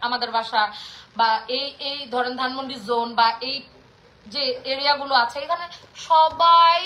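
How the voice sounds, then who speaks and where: Fast, bright-voiced indignant Bangladeshi woman. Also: high-pitched. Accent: Bangladeshi Bengali, Mymensingh. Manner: passionate, indignant, scolding. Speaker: vlogger speaking to her audience. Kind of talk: casual spoken rant to viewers.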